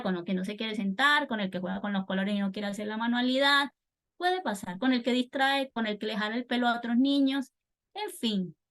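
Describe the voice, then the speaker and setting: Woman, church teacher trainer; emphatic delivery, repeats words for weight, mid-range voice. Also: medium pitch. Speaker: children's ministry teacher trainer.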